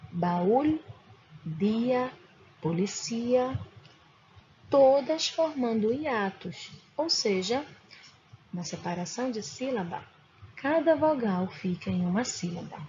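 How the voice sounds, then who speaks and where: A woman from Brazil, a Spanish teacher, giving a recorded grammar lesson with slow, careful explanations and examples. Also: on the high side, a little mellow. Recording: dull lo-fi recording with faint noise.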